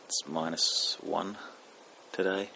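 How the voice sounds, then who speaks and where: A man with a very deep, heavily gravelly voice chats to camera while standing outdoors in a snowy yard. He talks slowly and easygoing, pausing often, with a sharp, bright edge to his tone under faint background hiss. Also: fairly even intonation, poor audio. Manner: easygoing, halting, with pauses. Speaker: vlogger. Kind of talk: casual chat to camera.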